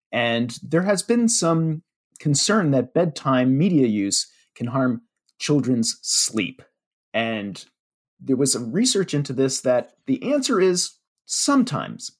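A media relations director with a slightly husky voice and a Pennsylvania Dutch accent talks about research on a casual podcast. His pitch moves around a lot, and he's relaxed and chatty, dropping little "uh"s and making self-deprecating jokes.

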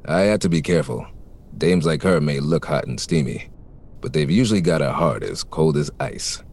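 An actor playing a wisecracking, world-weary private detective, deadpan, in a parody noir audio drama. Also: male voice, extremely low pitch, moderate pace, vocal fry, full character voice. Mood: wry, brooding. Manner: deadpan, hard-boiled wisecracking. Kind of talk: parody noir narration and radio drama acting.

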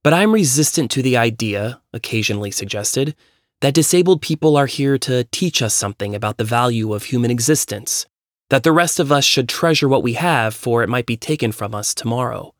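A man narrating a personal essay in a measured, reflective reading voice. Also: medium pitch, lively intonation, dry recording, clean studio sound.

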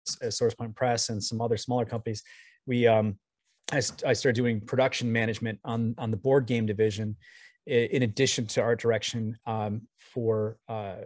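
A man's voice: medium pitch, darkish tone, dry recording. Man talking over a video call. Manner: rambling, restarts sentences often. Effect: heard over a video call with a shaky connection. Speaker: guest, comics editor. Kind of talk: casual interview talk.

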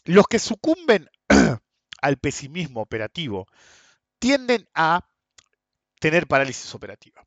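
A man with an Argentine accent gives an informal trading lesson, telling stories in a slangy way and often clearing his throat. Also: on the high side, takes it slowly, long pauses, no room sound. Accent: Argentine Spanish. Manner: animated storytelling, frequent throat clearing, slangy asides. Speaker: trading instructor. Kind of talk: informal seminar talk on trading psychology.

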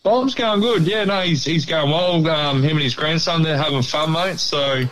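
A man's voice: fairly high pitch, normal speed, fairly bright tone. An Australian man chatting casually as a radio guest in a rambling, blokey way. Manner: blokey, rambling, peppered with "mate". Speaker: radio interview guest, pigeon club member. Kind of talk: casual chat.

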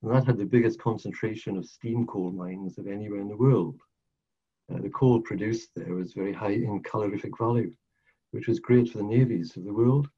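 An older South Wales man with a Welsh accent tells his life story as a podcast guest in a casual storytelling interview, earnestly repeating phrases for emphasis. His voice is fairly low, fairly quick, warm, and slightly rough, on dull lo-fi audio.

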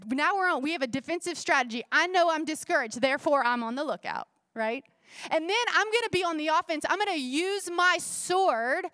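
A woman pastor with a high voice preaches a lively sermon, calling out to her congregation. She rises for encouragement and sinks low and hushed when she voices the enemy's lies. The sound is close and dry, with no room echo. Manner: lively preaching, rising for exhortations and dropping low to quote the enemy's whispers.

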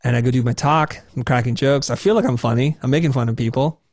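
A man being interviewed as a guest, telling stories from his career in an animated way. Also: medium pitch, fast, no room sound, clean studio sound. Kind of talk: interview conversation.

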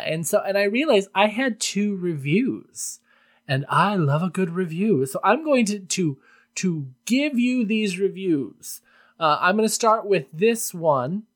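Solo podcast host, medium-pitched, casual and campy, with tongue-in-cheek delivery straight to the listeners.

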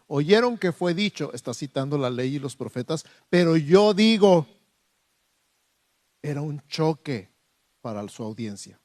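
A man, a pastor praying softly and then preaching with emphasis in a church. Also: medium pitch, no echo. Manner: emphatic preaching, soft prayer. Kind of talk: sermon.

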